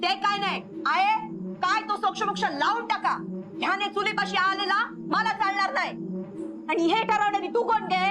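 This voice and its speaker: An actress playing a sharp-tongued village wife in a TV drama, scolding and arguing. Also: female voice, steady tone, moderate pace, over loud music. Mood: angry. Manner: shrill, scolding, argumentative. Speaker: quarrelling family woman. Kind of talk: TV drama acting.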